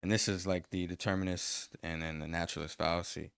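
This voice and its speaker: A man's voice: low voice, flat delivery, fast, creaky, a bit bright, clean tone, no room sound, clean studio sound. A man co-hosting a reaction stream, arguing points dismissively in casual commentary. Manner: dismissive, argumentative. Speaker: co-host.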